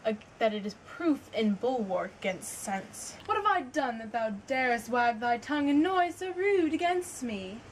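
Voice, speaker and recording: A woman playing Prince Hamlet as an anguished, accusing young man, declaiming Shakespearean verse in a deliberate, impassioned stage style. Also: a little high, animated, slight background noise, close to an everyday voice. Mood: indignant. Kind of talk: stage Shakespeare monologue acting.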